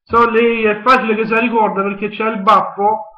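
A man's voice: sits high, level tone, fairly quick. A young man with a southern Italian accent making a prank phone call, talking in a hesitant, insistent, pleading way. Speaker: prank caller. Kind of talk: improvised phone prank chat. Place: small home kitchen, indoors. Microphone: webcam at arm's length. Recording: dull webcam sound, echoey room.

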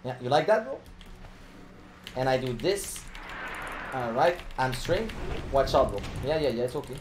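Excitable, laughing woman gaming streamer. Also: rumbling low, moderate pace, background noise. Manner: excitable, loud bursts and frequent laughter; profane slangy chatter. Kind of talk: live gameplay commentary. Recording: roomy echo with faint keyboard typing.

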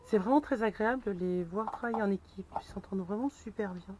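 A woman's voice: mid-range voice, quick pace, noisy background. A woman narrating her own vlog in a casual, chatty way, laughing often as she films inside a camper van on a handheld camera. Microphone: handheld action camera.

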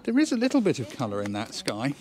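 His mid-range, slightly mellow voice swoops wildly in pitch, and he talks fast. The man is a photography tutor giving an enthusiastic, chatty lesson on a countryside hillside for an instructional outdoor vlog, thinking aloud as he works.

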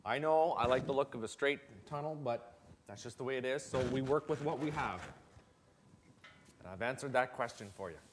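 A man in his forties with a mid-range voice hosts a snowmobile build series from an indoor garage workshop packed with tools. At a moderate pace, he explains how-to steps in a casual, matter-of-fact, folksy way, and the recording is clearly noisy with clicks.

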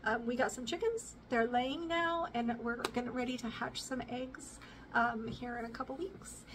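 A woman's voice: fairly high pitch, fairly even intonation, moderate pace, distant mic, background noise. A woman in her forties chatting casually to camera about her homestead, rambling with many fillers, in a living room with bookshelves. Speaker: homestead vlogger. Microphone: camera at a distance.

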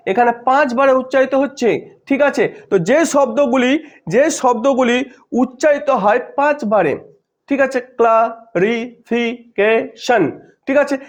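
A man explaining an English grammar lesson, repeating each word slowly syllable by syllable. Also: extremely high pitch. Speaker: English teacher.

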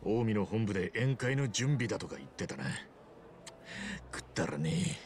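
An actor playing an impatient, hot-headed gangster hero in a video game, with rough, blunt, slangy speech. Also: male voice, fairly low pitch, animated, normal speed, a little mellow, a little hiss or hum, close to an everyday voice. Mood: grumbling. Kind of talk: video game drama acting.

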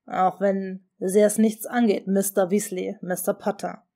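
A woman voicing a cold, sarcastic male professor who speaks quietly and cuttingly in a fan-fiction audiobook. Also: mid-range voice, little pitch movement, a little slow.

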